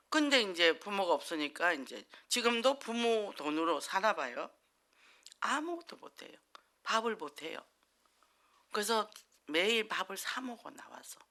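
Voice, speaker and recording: Lively, bright-voiced woman pastor preaching. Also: mid-range voice. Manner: chatty, acts out quotes, laughs often. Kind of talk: conversational sermon. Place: church.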